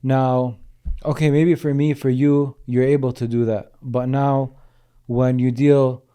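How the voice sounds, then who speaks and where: Dark-voiced man hosting a podcast. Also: mid-range voice, little pitch movement, a little slow, clean tone. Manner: short affirmations, thoughtful questions. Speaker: podcast host. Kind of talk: podcast interview.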